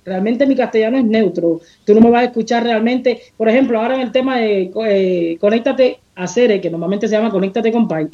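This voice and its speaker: This Cuban singer, a woman with a Cuban Spanish accent, speaks fairly quickly in a warm voice on the high side, with hardly any pauses. She answers her interviewer with passion and emphasis, occasionally searching for a word, on a muffled recording.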